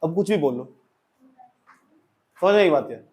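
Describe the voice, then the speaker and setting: A man's voice: fairly high pitch, lively intonation, unhurried, a little mellow, a little hiss or hum. A man with an Indian accent giving a classroom English lecture, switching between Hindi and English and acting out sample sentences. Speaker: English teacher.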